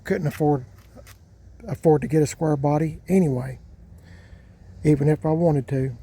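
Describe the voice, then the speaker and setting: In his sixties, a truck channel host speaks casually outdoors beside parked trucks for his own vlog. His warm, mellow voice sits a little high for a man, steady and slightly rough, as he rambles slowly in a folksy way and often repeats himself.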